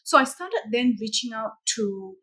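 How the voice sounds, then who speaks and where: Lady coach, husky breathy voice, thoughtful steady telling of her story. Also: a little high, poor audio. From Malaysia. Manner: earnest, measured storytelling with some restarts. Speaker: guest, coach. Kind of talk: reflective interview answers.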